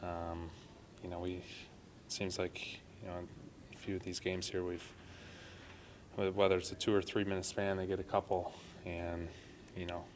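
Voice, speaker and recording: A man's voice: low-pitched, little pitch movement, moderate pace, slight background noise. A man in his thirties, a hockey player, speaking earnestly to reporters after a game, with many "you know" fillers. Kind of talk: post-game media interview. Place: arena press room.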